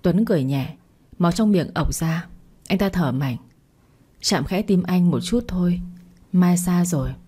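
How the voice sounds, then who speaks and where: Low husky female storyteller. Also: animated, measured pace, long pauses, mellow. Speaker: narrator. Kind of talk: storytelling narration.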